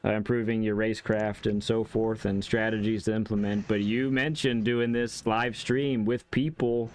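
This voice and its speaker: A man hosting a gaming live stream, chatting casually in a halting way and often repeating his words. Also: lowish voice, level tone.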